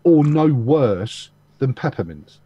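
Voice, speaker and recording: A man's voice: medium pitch, big pitch swings, takes it slowly, mellow, husky, dull audio. Chatty English man on a video call. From England. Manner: chatty, emphatic. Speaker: video chat guest. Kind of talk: casual group chat.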